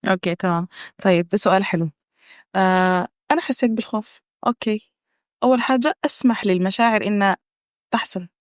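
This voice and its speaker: A woman's voice: medium pitch, quick pace, dry recording. A woman talking in a casual conversation, encouraging, frequent restarts and hesitations. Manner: warm encouraging talk, with many restarts and hesitations. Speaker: wellness guest. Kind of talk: casual conversation in Arabic with English phrases. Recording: dull dry audio.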